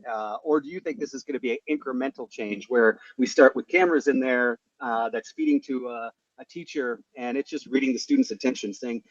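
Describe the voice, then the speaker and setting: A man asking long, rambling questions on a casual online panel, through a headset on a weak connection that makes his voice thin and tinny, as if in a tin can. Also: dry recording. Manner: long rambling questions full of ums and uhs. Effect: thin tinny sound with no bass, like a tin can. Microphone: headset over a weak internet link. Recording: tinny lo-fi online call line.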